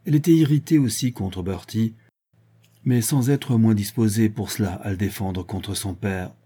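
A man narrates a classic novel in an even, measured way. His voice is low and dark, with a soft husky grain. The delivery is steady, as in scripted audiobook reading. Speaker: audiobook reader.

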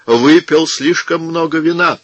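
A man's voice: on the high side, measured pace, no echo, highs cut off, pitched above the performer's own voice. A man voicing a sly monk who speaks in a falsely humble, sanctimonious tone. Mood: unctuous. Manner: sanctimonious, smooth-tongued.

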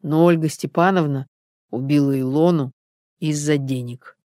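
A woman's voice: low-pitched, moderate pace, dark tone, no echo, studio quality, natural voice. A woman reading a burly male detective who delivers bad news seriously and with sympathy. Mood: somber.

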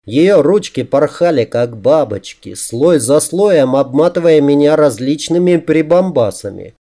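A man narrating a fantasy novel in the first person, with lively, humorous storytelling. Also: on the high side, measured pace. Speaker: audiobook narrator.

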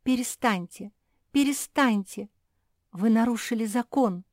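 Shrill, sobbing little liar creature, read by a woman, high-pitched and slow. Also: darkish tone, no room sound, studio quality. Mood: fretful. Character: tearful timid female liar creature.

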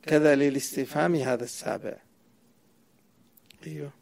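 A man's voice: a little high, fairly even intonation, moderate pace, gravelly, darkish tone. A man explaining a grammar poem to a student, quizzing and correcting him as he goes. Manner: asks the student questions and corrects answers. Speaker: sheikh teaching Arabic grammar.

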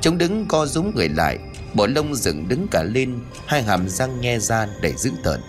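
Male horror narrator, lively melodic delivery, faint music underneath. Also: medium pitch, moderate pace. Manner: expressive, dramatic storytelling. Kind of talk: ghost story narration.

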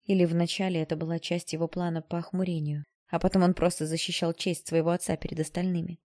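Low, mellow woman narrating an audiobook. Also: fast. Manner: expressive, emotional storytelling. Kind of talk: first-person audiobook narration.

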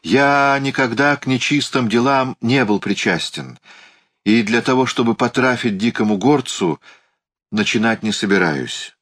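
A man's voice: medium pitch, measured pace, fairly bright tone, voice pushed up. A man voicing a miserly, fretful old uncle in an audiobook, whining and flustered in protest. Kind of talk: audiobook character reading.

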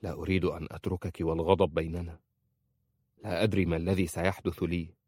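A man playing a hushed, resolute young husband. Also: deep voice, level tone, fast, dry recording, studio quality. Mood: tender.

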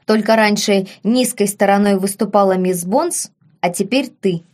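A cold, patronizing older uncle lecturing quietly in a flat, superior tone, as a woman reader puts him on. It is an audiobook reading with measured delivery. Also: mid-range voice, natural voice.

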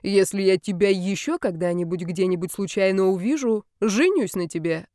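A woman's voice: mid-range voice, normal speed, mellow, no room sound, studio quality, close to an everyday voice. A woman playing a cocky young male student. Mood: smug. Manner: haughty, teasing.

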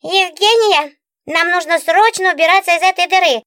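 A woman's voice: very high voice, moderate pace, a bit bright, no echo, clean studio sound, pitched above the performer's own voice. A woman voicing a capricious female talking book, a pouty diva with an affected, whiny way of talking. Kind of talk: audiobook character voice.

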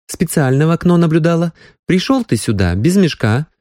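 A man's voice: a little high, sing-song, moderate pace, a little mellow, no room sound, studio quality, pitched above the performer's own voice. Man doing an insistent young woman doctor. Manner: pleading, pressing. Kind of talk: audiobook character voicing.

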